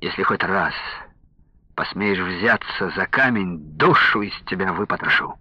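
A man voicing a burly, hot-tempered army man who talks in a menacing, forceful way, in a dull lo-fi recording. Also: deep voice, measured pace, slightly rough, dry recording, exaggerated voice. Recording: dull lo-fi audio.

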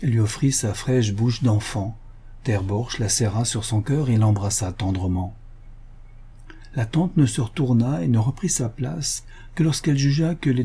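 Male narrator, measured storybook reading, mellow tone. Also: mid-range voice, slightly rough. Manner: measured, expressive. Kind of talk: reading a classic short story aloud.

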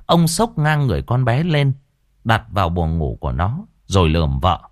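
Male horror narrator, suspenseful, animated pitch, close dry recording. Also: normal speed, no echo. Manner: dramatic, suspenseful storytelling. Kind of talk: scripted horror story narration.

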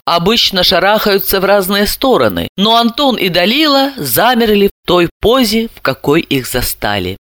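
A woman narrates a novel with animated, swinging intonation and a bright, forceful tone. Her delivery is dramatic and expressive. The recording is dry and close, with no room sound. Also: mid-range voice, no echo. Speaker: audiobook narrator.

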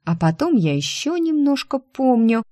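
A woman's voice: high voice, big pitch swings, normal speed, mellow, no room sound, pitched above the performer's own voice. A woman voicing a hungover young female secretary who talks in a whiny, plaintive way.

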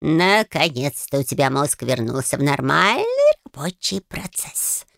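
Woman doing a gravelly sarcastic tomcat. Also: deep voice, expressive, slow, no echo, studio quality, heavily acted. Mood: grumbling. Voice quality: gravelly, drawling. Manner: mocking, exasperated. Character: sarcastic grumpy male cat familiar.

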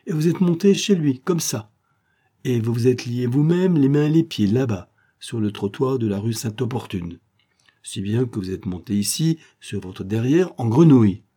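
A man's voice: lowish voice, lively intonation, normal speed, husky. Man doing a blustering angry police chief. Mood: exasperated. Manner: blustering, angry, shouting questions. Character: exasperated middle-aged male police chief. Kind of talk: audiobook character voice.

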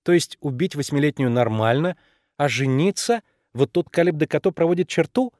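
A bossy, precocious eight-year-old girl pushes her questions, her voice swinging lively up and down, as a man puts her on. It is an audiobook read dry and close to the mic, with a teasing, insistent edge. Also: fairly high pitch, no room sound, close to an everyday voice. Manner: insistent, quick, conspiratorial questioning.

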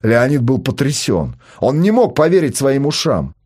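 A man narrating an audiobook with lively, expressive storytelling. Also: medium pitch, normal speed, husky.

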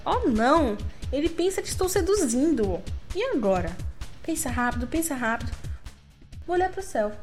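Young woman, theatrical literary reading. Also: a little high. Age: young adult. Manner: theatrical, wry, self-mocking, shifting pace. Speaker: reader of her own literary monologue. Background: faint music.

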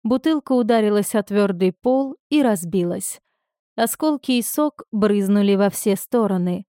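A woman narrating a first-person story in an even, measured storytelling manner. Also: mid-range voice, smooth, no room sound, studio quality.

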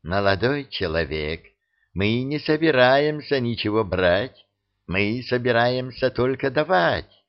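Man doing a beaming smooth-talking haggler. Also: mid-range voice, animated, takes it slowly, lo-fi sound. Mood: ingratiating. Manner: ingratiating, wheedling.

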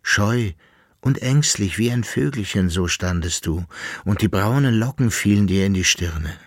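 A weary, lovesick emperor speaking with grave, earnest tenderness, read by a man with a deep, husky voice. He speaks slowly and deliberately, and the recording is dry and close, as in a storybook reading. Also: lively intonation, dry recording. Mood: longing. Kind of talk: audiobook reading.

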